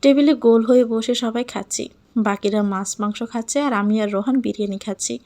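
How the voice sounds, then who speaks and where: A woman narrating a lively first-person story in Bengali. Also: a little high, a little fast.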